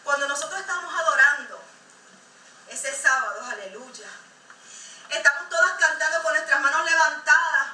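High, bright-voiced woman preaching fervently. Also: moderate pace, slight background noise. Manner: impassioned, exhorting preacher. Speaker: church member giving testimony. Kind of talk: fervent testimony sermon. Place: church service. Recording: echoey room, mic far off.

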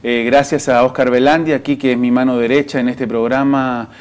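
A man in his fifties with a Chilean Spanish accent, hosting a studio interview in an easygoing, soft-spoken way. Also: medium pitch, little pitch movement, fairly quick, clear, resonant tone. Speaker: TV interview host. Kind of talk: interview questions and sign-off. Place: dark TV studio set.

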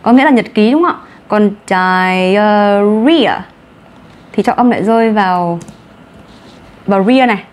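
A woman with a Vietnamese accent teaches English vocabulary in an online class, mixing Vietnamese and English in a brisk, encouraging manner. Her voice is mid-range and a little mellow.

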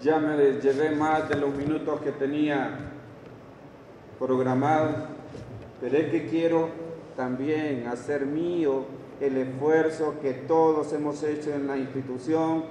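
A man's voice: a little high, steady tone, a little slow, mellow, a little hiss or hum. A man in his fifties with a Honduran accent gives a formal ceremonial speech at a lectern. He reads long lists of towns and names from a page and adds brief asides. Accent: Honduran Spanish. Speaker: official speaker at a graduation ceremony. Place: large indoor hall, at a lectern. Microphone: lectern microphone. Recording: echoey hall recorded from a distance.

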